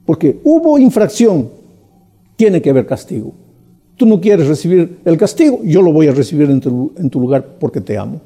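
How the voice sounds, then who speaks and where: A man's voice: fairly high pitch, sing-song, moderate pace, warm tone, husky, exaggerated voice. A man voicing a firm but loving mother who speaks sternly to her son. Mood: tender.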